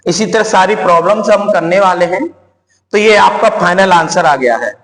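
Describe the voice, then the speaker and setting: Male physics teacher, high voice, lecture at a board, asks and answers his own questions, echoey room with a long reverb tail. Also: normal speed, fairly bright tone.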